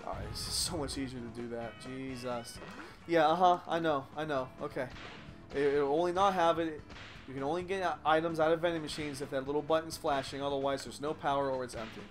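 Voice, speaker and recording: A man's voice: a little high, steady tone, fairly quick. A man hosting a let's play, swearing constantly and ranting sarcastically, rambling with restarts and asides as he plays. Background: game music.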